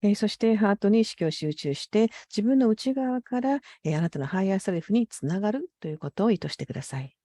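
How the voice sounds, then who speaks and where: A woman interprets a guided meditation in a soft, mellow voice with a dry sound. She phrases things politely and carefully, hesitating as she finds the wording. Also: medium pitch, animated, fast talker, hardly any pauses, no echo. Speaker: consecutive interpreter.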